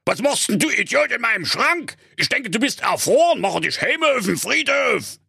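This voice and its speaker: A man's voice: extremely high pitch, sing-song, moderate pace, creaky, sharp tone, husky, no room sound, clean studio sound, voice pushed up, heavily acted. A man voicing a grumpy, stingy old junkyard owner who grumbles, snaps and curses. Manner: grumbling, cursing, snappish.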